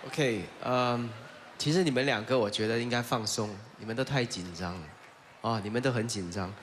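Male judge, medium voice, animated and encouraging, faint room hum. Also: medium pitch, normal speed. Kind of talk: judge's critique on a talent show.

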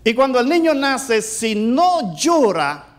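A male pastor delivers a sermon in a lively, high voice that swoops up and down. He tells stories and puts rhetorical questions to his listeners with emphatic conviction. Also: slow. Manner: storytelling with rhetorical questions to the audience.

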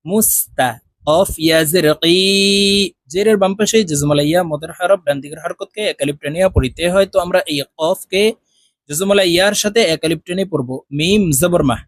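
A man teaching Quran reading, spelling out syllables letter by letter and drawing out the joined words in a slow, deliberate drill. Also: high voice, no echo. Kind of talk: spelling out Arabic syllables slowly, then chanting the words.

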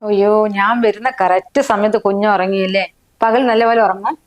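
An actress playing a soft-spoken middle-aged mother who reassures her daughter in a family short film. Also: mid-range voice, flat delivery, fairly quick, natural voice.

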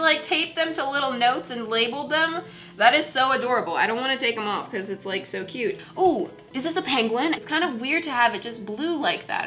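A woman hosting an unboxing vlog, chatting excitedly with frequent giggles and gushing exclamations. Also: high voice. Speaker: craft YouTuber host.

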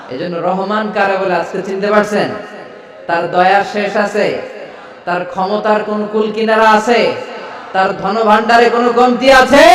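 A man's voice: high-pitched, fairly bright tone, reverberant, recorded from a distance. A man preaching a sermon to a large crowd, calling out questions for them to answer and chanting verses of scripture.

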